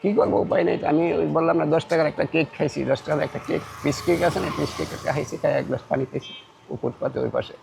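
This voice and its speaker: A middle-aged man with a Bangladeshi Bengali accent, a poor food seller speaking humbly and haltingly on a city street. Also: a little high, vocal fry, background noise. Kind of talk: casual street conversation.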